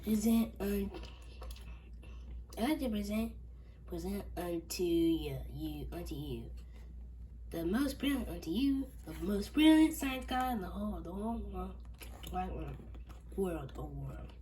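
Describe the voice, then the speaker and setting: A woman reading aloud and voicing a nervous schoolboy in disguise, halting and repeating words. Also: mid-range voice, animated, warm tone, far from the mic, a little hiss or hum, natural voice, rough recording.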